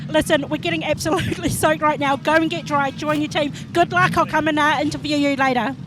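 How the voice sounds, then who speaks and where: A woman's voice: sits high, steady tone, fairly quick. A woman with a New Zealand accent, chatty and encouraging as she interviews drivers live as a trackside reporter. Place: outdoors in rain at a speedway. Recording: noisy outdoor speedway with vehicles.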